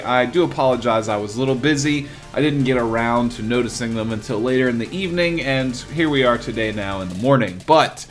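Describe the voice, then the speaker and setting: Just a young guy chatting about game news, laid back, kinda rambly, some faint music. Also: medium pitch. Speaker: gaming video host. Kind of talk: casual commentary on game news.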